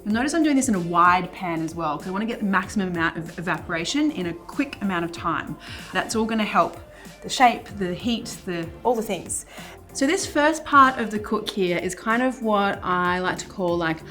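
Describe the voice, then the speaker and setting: A woman's voice: medium pitch, expressive, normal speed, a bit bright, soft background music. A woman hosting a casual cooking demonstration in a kitchen, chatty and playful, laughing at herself as she talks. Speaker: cooking show host.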